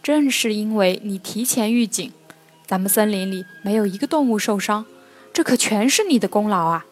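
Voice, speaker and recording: A woman's voice: mid-range voice, animated, normal speed, faint music behind, lightly acted. A woman voicing a kind, patient mother goat in a children's storybook reading, speaking in a soothing, coaxing way.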